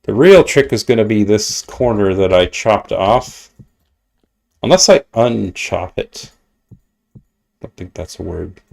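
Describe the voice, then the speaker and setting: Brief: male streamer, lowish gravelly voice, rambling self-mocking gameplay chat. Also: animated, unhurried, a little mellow. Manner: rambling, self-mocking, mutters asides to himself. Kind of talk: casual gameplay commentary. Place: at home at his computer.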